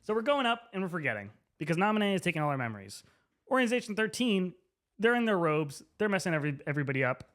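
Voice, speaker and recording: He talks fast in a high-pitched, very animated and slightly bright voice. Drunk and addressing the camera as presenter, he spins a slangy, comedic, rambling story, repeating words, names and phrases for emphasis.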